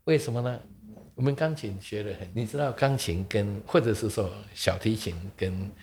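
A man, a guest explaining in casual conversation, animated and laughing often. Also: fairly low pitch, moderate pace, slight background noise. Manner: animated, asks rhetorical questions, laughs often.

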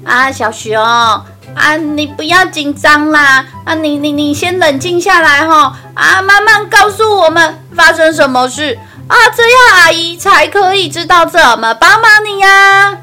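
A woman's voice: extremely high pitch, unhurried, few pauses, pushed and bright, soft background music, pitched above the performer's own voice, heavily acted. A woman voicing a kindly monkey mother who fusses and chatters with many fillers. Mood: fussing.

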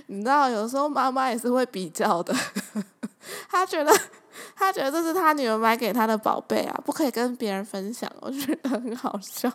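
Young taiwanese woman host, bit high voice, chatty and lively, just telling stories. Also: a little fast. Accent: Taiwanese Mandarin. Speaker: podcast host. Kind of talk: casual chat.

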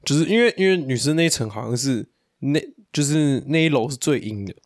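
A man with a Taiwanese Mandarin accent, co-hosting a casual podcast, excitable and swearing freely. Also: medium pitch, fairly quick, no echo, clean studio sound. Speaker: podcast co-host. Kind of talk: casual chat.

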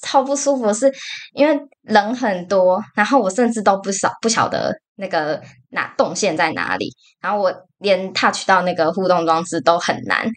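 Animated ranting Taiwanese Mandarin woman. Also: mid-range voice, normal speed. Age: young adult. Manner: animated, exasperated ranting with many fillers. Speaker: podcast co-host. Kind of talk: casual podcast monologue.

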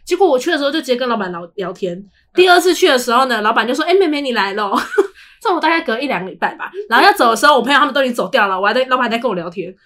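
Here a young Taiwanese Mandarin-accented woman, fairly high-pitched and a bit bright, races through casual podcast talk with hardly any pauses. As co-host she spins expressive, chatty stories complete with acted-out dialogue.

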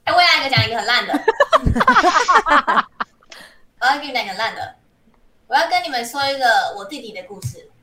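A woman's voice: sits high, big pitch swings, bright, forceful tone. A woman, a podcast guest eagerly jumping in to tell jokes in casual chat over a remote recording. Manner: eager, quick to jump in. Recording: echoey remote recording, far from mic.

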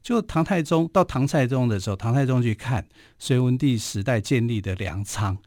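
A man's voice: medium pitch, animated, normal speed, a little mellow, no echo. A man with a Taiwanese Mandarin accent hosting a radio history show, telling stories casually with many filler particles, recorded in a studio. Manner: chatty, frequent filler particles.

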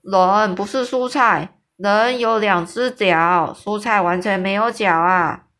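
A woman doing a booming, teasing male giant. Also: a bit bright. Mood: boisterous. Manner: booming, boisterous, drawn-out exclamations.

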